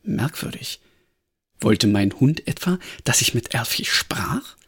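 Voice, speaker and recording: A man, a podcast host, reading a crime story aloud with expressive storytelling. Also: mid-range voice, slow, husky.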